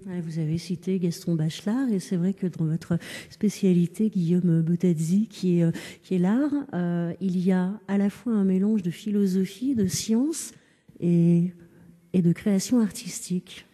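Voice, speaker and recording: Woman, radio interviewer on location, soft dark tone, husky, hallway echo. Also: lowish voice, unhurried. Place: echoing indoor hall of a townhouse. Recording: echoey, resonant entrance hallway.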